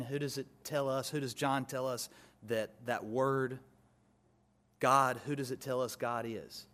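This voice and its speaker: A male pastor preaching an expository sermon, building to emphatic peaks and dropping to soft asides. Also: medium pitch.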